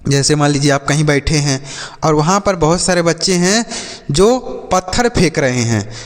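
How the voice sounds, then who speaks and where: A man's voice: a little high, animated, moderate pace. Man teaching English in a reverberant hall. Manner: spells words letter by letter, repeats meanings, addresses viewers as children. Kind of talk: spoken English lesson for beginners.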